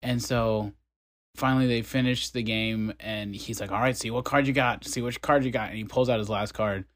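A man's voice: mid-range voice, fairly even intonation, moderate pace, a bit bright. A young man casually telling a long story on a podcast, acting out the voices of the people in it. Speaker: podcast co-host.

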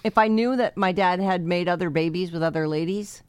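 A woman's voice: fairly low pitch, brisk, smooth, dry recording. A woman reading a letter aloud in casual chat, adding sarcastic asides. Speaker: host reading a listener letter.

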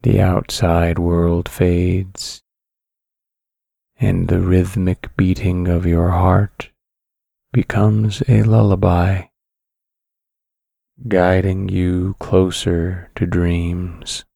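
A man narrating a guided sleep story in a calm, soothing, measured way, with long pauses between phrases. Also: sits low, creaky, no room sound, clean studio sound.

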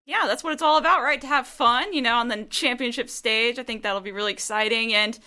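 Bright-voiced woman hosting a running podcast. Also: a little high, brisk. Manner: leads segments, poses questions, frequent "you know". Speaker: podcast host. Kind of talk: casual sports podcast hosting.

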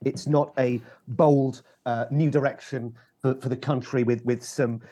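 A man's voice: mid-range voice, fairly even intonation, a little slow, dark tone. A British man in casual political chat, swearing freely and throwing out rhetorical questions.

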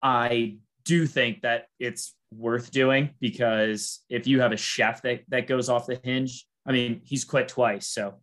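Male co-host, mid pitch, loose rambling recap delivery. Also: takes it slowly, hardly any pauses. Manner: rambling, filler-heavy, animated when quoting. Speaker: podcast co-host. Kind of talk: casual chat recapping a reality show.

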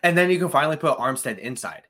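Man, bright voice, conversational podcast co-host, agreeable. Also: fairly high pitch, lively intonation, fast. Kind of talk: casual sports chat.

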